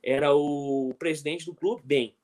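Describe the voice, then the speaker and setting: In a casual interview, a middle-aged Brazilian man coaching as a guest speaks a little high and a little slow, with a Brazilian Portuguese accent. He relates animated anecdotes, chuckles along, and repeatedly asks "entendeu?" to confirm the listener follows.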